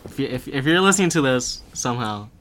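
A young man chatting casually as a podcast guest, talking in a relaxed, rambling way with lots of filler words. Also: medium pitch, quick pace, a little hiss or hum. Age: young adult.

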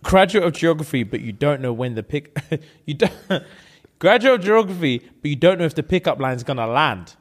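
Speaking fairly quickly in a sing-song, slightly high voice, a young man with a London roadman accent runs through online comments, bantering in jokey street slang.

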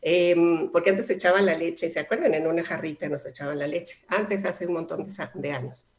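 A woman's voice: on the low side, moderate pace, a little hiss or hum. A middle-aged woman hosts a motivational radio talk, telling stories and speaking straight to her listeners. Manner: warm storytelling, addresses listeners directly. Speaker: host, life coach.

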